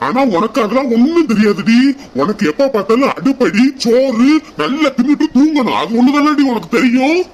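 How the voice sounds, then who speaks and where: High-voiced man scolding in a cartoon. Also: animated, fairly quick, a little hiss or hum. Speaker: cartoon voice artist. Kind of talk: Tamil cartoon comedy dubbing.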